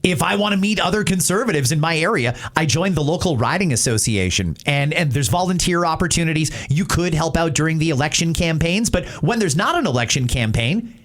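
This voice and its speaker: Speaking briskly in a sing-song, slightly bright voice of fairly high pitch, this talk show host has a Canadian accent. He responds to listener messages with opinionated commentary, emphatic and plain-spoken yet conversational.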